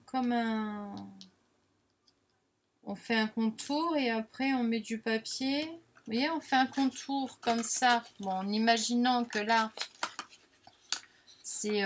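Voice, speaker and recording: Woman rambling through a diy craft, kinda high voice, chatty and self-mocking. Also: a little hiss or hum. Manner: chatty, self-deprecating, frequent filler tags. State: has the hiccups. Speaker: crafting vlogger. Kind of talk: casual craft demonstration.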